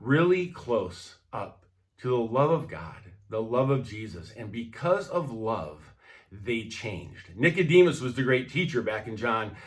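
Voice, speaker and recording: This pastor from the United States has a mid-range, fairly bright voice. His devotional sermon is conversational, emphatic and direct, and he keeps checking in with listeners by tacking on tag questions again and again.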